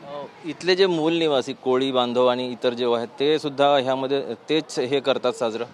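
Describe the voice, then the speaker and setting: A man's voice: mid-range voice, moderate pace, a little hiss or hum. A man reporting from an outdoor festival gathering for a TV news channel, asking questions with many hesitations and fillers. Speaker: TV field reporter.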